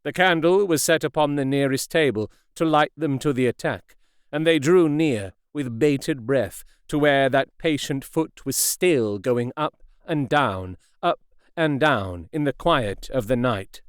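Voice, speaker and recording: A man narrating a classic novel as an audiobook in a measured, expressive way. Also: mid-range voice, clear, resonant tone, no room sound, clean studio sound. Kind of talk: scripted narration.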